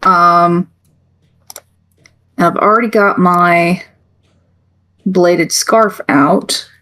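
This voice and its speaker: A woman's voice: lowish voice, fairly even intonation, very slow, pushed and bright. A woman playing a tabletop game, casually thinking aloud about her moves with fillers. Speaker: player.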